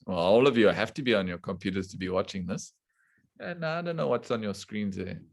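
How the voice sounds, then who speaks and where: A man teaching a scripture class to students online, explaining slowly and deliberately and putting questions to the class. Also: on the low side, gravelly. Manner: slow and deliberate, quizzing the class. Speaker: spiritual teacher.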